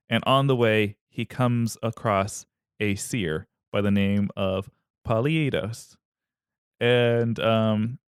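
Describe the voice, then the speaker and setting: A man hosts a comedy podcast, retelling a myth in a rambling, joking way stuffed with fillers. His voice is lowish and smooth, captured at studio quality with no room sound.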